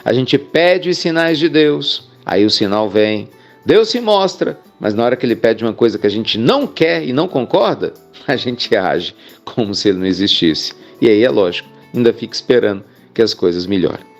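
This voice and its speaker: A man's voice: fairly low pitch, muffled recording. A man, a spiritual speaker telling an inspirational story in a chatty way. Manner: chatty, addresses listeners as "gente" with frequent "né".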